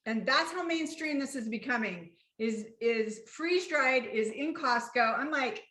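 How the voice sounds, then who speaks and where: A woman's voice: fairly high pitch, lively intonation, measured pace, bright, forceful tone, echoey room. A woman co-hosting a casual sales call over video from home, chatty and enthusiastic. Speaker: co-host of a sales opportunity call.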